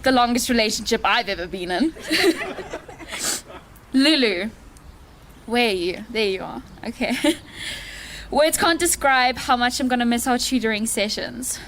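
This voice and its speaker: Woman, late teens, tearful, laughing mid-sentence, high voice, slow delivery. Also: expressive, a little hiss or hum. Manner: laughs often mid-sentence, warm and sentimental. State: tearful, laughing through tears. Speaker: graduating student giving valedictory speech. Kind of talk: emotional farewell speech. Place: school hall with audience.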